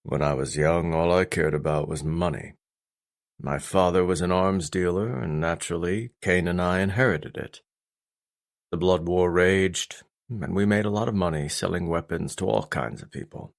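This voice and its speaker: In an audiobook, a man plays a stern, intimidating father in middle age, his deep, low, weighty voice grave, restrained and deliberate. A gruff love lies beneath the grim confession.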